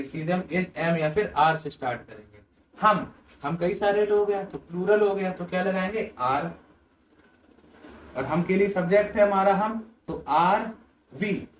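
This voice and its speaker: A man's voice: high voice, recorded from a distance, slight background noise. A man teaching an English grammar lesson, asking questions and answering them himself. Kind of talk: classroom-style grammar lesson. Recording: echoey room, voice off-mic.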